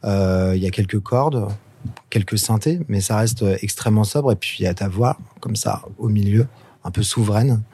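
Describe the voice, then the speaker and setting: A man's voice: on the low side, moderate pace, mellow, breathy edge. A man hosting a podcast, asking an interview guest questions in a searching, hedging way. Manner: searching, hedging phrasing with fillers. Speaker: podcast host.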